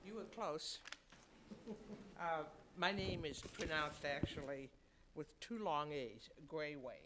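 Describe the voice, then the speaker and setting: Middle-aged woman, community speaker, podium mic, halting and chatty delivery. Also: low-pitched, noisy background. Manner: halting and conversational, with many restarts. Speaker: public commenter at a school board meeting. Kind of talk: public comment speech. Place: school board meeting room.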